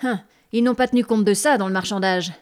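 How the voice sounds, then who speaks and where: A woman's voice: mid-range voice, a little fast, close to an everyday voice. A woman voicing a defiant, angry male coal miner in a storybook reading. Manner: defiant, threatening.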